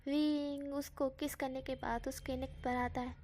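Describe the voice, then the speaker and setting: A woman with a high voice reading a fan fiction story aloud. She narrates in a plain, steady way, moving the scene along between lines of dialogue. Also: measured pace.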